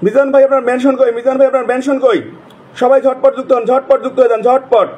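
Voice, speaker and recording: A man hosting a live stream, repeatedly calling out viewers' names in rapid, repetitive bursts. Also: extremely high pitch, fairly even intonation, a little mellow, slightly rough. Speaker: livestream host. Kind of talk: casual live-stream shout-outs.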